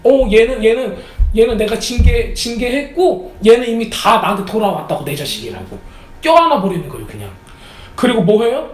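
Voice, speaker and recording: A man preaching a sermon as pastor, animated, often acting out the lines of the people in his story. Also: sits high, fairly quick, echoey room, low-quality recording. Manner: animated, acts out quotes of characters. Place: church sanctuary.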